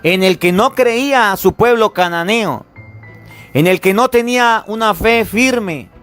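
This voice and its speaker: A man's voice: sits high, measured pace, a bit bright, soft background music. A man, a priest giving a sermon, repeating key phrases with emphasis and speaking straight to his listeners. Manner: repetitive, emphatic preaching that addresses listeners directly.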